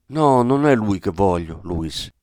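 A proud, dreamy young woman holds to her ideals in a radio-play reading, voiced by a male reader. She speaks in a restrained, firm way, with lively pitch. The recording is dry and close. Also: takes it slowly, dry recording.

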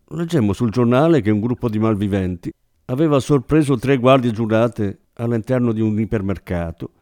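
Steady low-voiced male narrator. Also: no echo, studio quality. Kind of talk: audiobook narration.

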